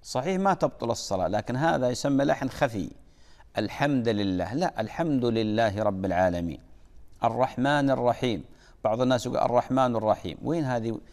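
A man's voice: mid-range voice, expressive, fast talker, darkish tone. A man giving a religious lesson as a preacher, emphatic and drilling correct pronunciation. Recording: long reverb of a large hall.

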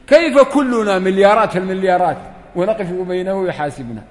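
A man's voice: high-pitched, lively intonation, fast talker. Guy preaching, quizzes the crowd, acts out the back-and-forth, big echo. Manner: questions the listeners, acts out dialogues. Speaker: religious teacher. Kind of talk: lesson to a seated audience. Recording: echoey hall.

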